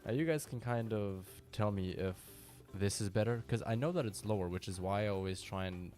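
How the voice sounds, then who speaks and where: His voice sits on the low side, a little mellow, and he talks briskly. Tired from too little sleep, he livestreams a hunting game and chats casually with viewers, addressing them by name, while music plays clearly in the background.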